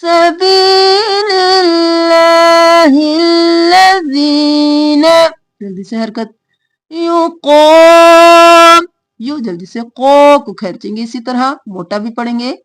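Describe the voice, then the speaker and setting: A woman teaching Quran recitation with tajweed, slowly drawing out each recited word and then explaining the rules in quick spoken asides. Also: a little high, darkish tone, soft background music.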